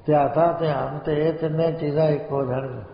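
A man giving a spiritual sermon, slipping into slow sung lines as he explains. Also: on the high side, steady tone, vocal fry. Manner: slow chanting of sacred lines within speech. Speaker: Sikh preacher. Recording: echoey hall, muffled lo-fi sound.

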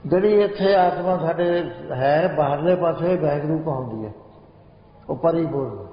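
A male preacher speaks a spiritual sermon in a slightly high voice, breaking into slow, sung lines of scripture. The sound is dull and lo-fi, with a long echo from a large hall and faint ambience behind him. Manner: slow chanting of sacred lines within speech. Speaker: Sikh preacher. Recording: echoey hall, muffled lo-fi sound.

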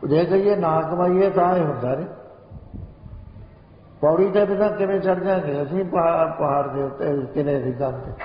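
A man's voice: fairly high pitch, slight background noise. Man preaching, chanting lines in a hall. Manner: slow chanting of sacred lines within speech. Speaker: Sikh preacher. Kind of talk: spiritual discourse with sung lines. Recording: echoey hall, muffled lo-fi sound.

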